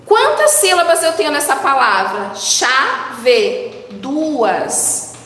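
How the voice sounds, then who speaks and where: High-voiced lady teacher talking slow and sing-song to little kids, lots of reverb. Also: expressive, a bit bright. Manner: slow, drawn-out syllables, coaxing questions to children. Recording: echoey room with long reverb.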